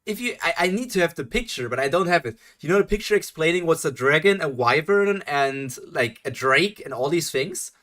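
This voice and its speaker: He speaks a little fast with hardly any pauses, in a slightly high, expressive, bit-bright voice. This young German streamer with a German accent reacts to a webtoon live, chatting freely, thinking aloud, restarting, chuckling, and replying to his chat.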